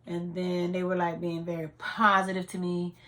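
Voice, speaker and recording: Bright-voiced woman telling an emotional story. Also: on the low side, level tone, moderate pace. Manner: heartfelt, tearful testimony with fillers. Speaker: vlogger.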